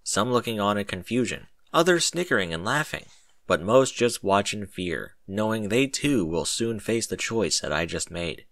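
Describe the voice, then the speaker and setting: A fairly low yet bright male voice delivers a dramatic first-person tale, its pitch swinging energetically. The pace is normal, and the audio is close and dry.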